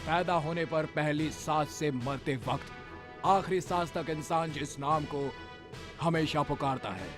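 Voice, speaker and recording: Man dubbing a tough witty hero, calm and cocky, a bit high voice, film music behind. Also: a little slow, lightly acted. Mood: coldly threatening. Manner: teasing, then coldly threatening. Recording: film score under dialogue.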